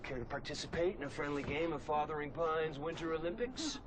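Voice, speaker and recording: An actor playing a jokey, sociable husband in a film, with playful, bantering delivery. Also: male voice, fairly high pitch, brisk, crowd noise, natural voice. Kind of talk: naturalistic film dialogue.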